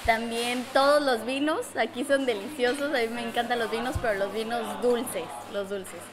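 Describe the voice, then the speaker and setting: A woman's voice: on the high side, fairly even intonation, moderate pace. A young woman with a Mexican Spanish accent, a native Spanish speaker, chatting in an interview as an exchange student. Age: young adult. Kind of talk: casual interview in Spanish with some attempts at Portuguese. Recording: busy chatter of people behind. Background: crowd chatter.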